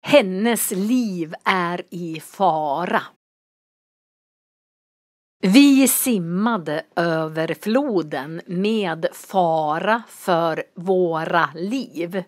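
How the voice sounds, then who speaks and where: A woman with a somewhat low voice gives a vocabulary lesson, saying each word form slowly and distinctly so learners can follow. Her voice is recorded close up in a dry room with no echo. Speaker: language teacher. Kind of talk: slow, clearly articulated vocabulary lesson.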